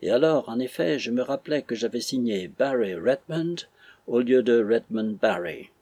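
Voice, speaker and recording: A man narrates a first-person novel in a measured, expressive way. His voice is husky, and the recording is dry and close with no room sound. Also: mid-range voice, no echo. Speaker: audiobook narrator.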